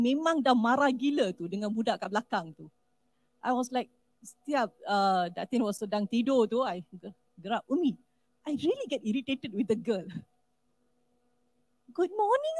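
Animated Malaysian woman giving a talk. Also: fairly high pitch, rough recording. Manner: animated, code-switching, acts out scammer voices. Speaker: anti-scam talk speaker. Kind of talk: public talk mixing Malay and English. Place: event hall.

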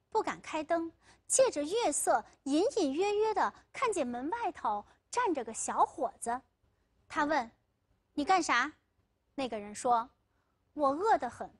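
声调高亢的女主讲人讲故事. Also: female voice, high-pitched. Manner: vivid, expressive storytelling. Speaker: legal program lecturer. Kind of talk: storytelling lecture for TV. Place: TV studio.

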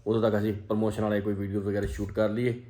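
A man's voice: on the low side, flat delivery, very fast, dark tone. A man with an Indian Punjabi accent giving casual, teasing vlog commentary, with playful exclamations, as he hosts. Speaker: family vlogger filming and hosting.

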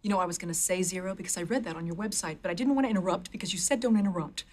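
Nervous rambling mom, high voice jumping all over. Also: female voice, sing-song, fairly bright tone. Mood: flustered. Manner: flustered, rambling, quick nervous talk. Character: nervous, eager-to-please woman, flustered. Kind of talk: sitcom acting.

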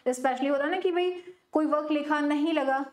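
A woman with an Indian accent teaching an online exam-prep literature class, chatty and scolding, slowing down to read questions aloud. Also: high voice, darkish tone, echoey room. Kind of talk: live exam-prep class, mixing Hindi and English.

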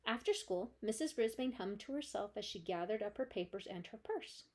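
A woman librarian reading a children's chapter book aloud with gentle, steady storytelling. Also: medium pitch, moderate pace.

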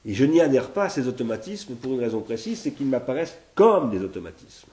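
Talking a little fast, with big pitch swings and a darkish tone at medium pitch, a man in his sixties from France thinks aloud during a philosophy seminar held at home. He partly reads from notes, often restarting and repeating words. A fixed camera at medium distance records the echoey living room.

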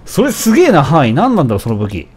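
Animated man doing game commentary. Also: a little high, rapid-fire, a little hiss or hum. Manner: animated, taunts enemies, shouts at the game. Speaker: let's play commentator. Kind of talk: casual gameplay commentary.

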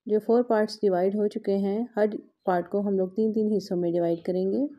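In a mellow, medium-pitched voice, a woman speaks a little fast but keeps her tone steady. As a cooking vlog host, she patiently explains a recipe one step at a time while working with her hands at her home kitchen counter.

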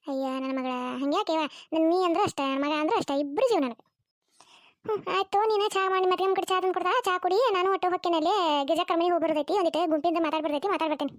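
A woman's voice: very high voice, very fast, no room sound, clean studio sound. A woman with a North Karnataka accent voicing a scheming, bossy older mother-in-law in a cartoon, scolding and suspicious. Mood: calm. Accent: North Karnataka Kannada.

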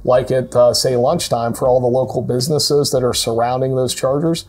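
A middle-aged man in a studio telling a road trip story in a relaxed, measured way. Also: mid-range voice. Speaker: co-host. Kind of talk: casual studio conversation. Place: indoor studio with a car.

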